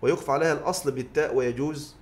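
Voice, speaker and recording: Racing along in a fairly high, steady voice, a man explains verse in a grammar class held in a mosque study circle. He keeps putting questions to his students and answering them on his own.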